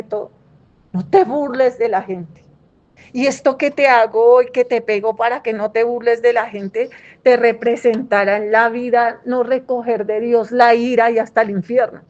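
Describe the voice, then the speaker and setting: A woman pastor preaching a sermon, animated, acting out quoted people and firing pointed questions at the congregation. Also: fairly high pitch, highs cut off.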